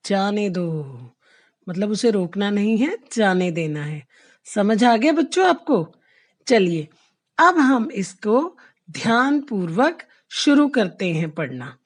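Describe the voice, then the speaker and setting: A woman teaching a Hindi lesson to children, explaining slowly and patiently and often checking that they follow. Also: mid-range voice, darkish tone. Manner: patient, repeats "ठीक है?" checks; slows right down to read example sentences. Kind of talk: slow classroom explanation to children.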